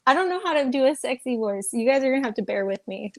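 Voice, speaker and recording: A woman's voice: sits high, lively intonation, fast. A woman chatting casually as a guest in an online group game, laughing often between lines. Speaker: guest in a live stream game. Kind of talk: casual chat. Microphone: remote call.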